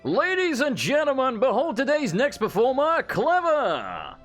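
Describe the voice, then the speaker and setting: A man playing a bombastic fighting-game style ring announcer, hyping a performer with theatrical, drawn-out emphasis. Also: very high voice, wildly swooping pitch, fairly bright tone, faint music behind, pitched above the performer's own voice, full character voice. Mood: grand hype.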